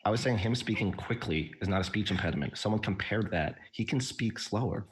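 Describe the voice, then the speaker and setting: A man's voice: on the low side, a little fast, a little hiss or hum. A man arguing casually in a group debate, blunt and insistent.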